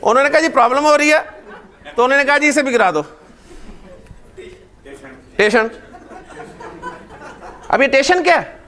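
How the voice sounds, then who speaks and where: Man, high voice, classroom grammar lecture, keeps asking the class if it's clear. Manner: animated, asks the class frequent check questions. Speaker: Arabic grammar teacher.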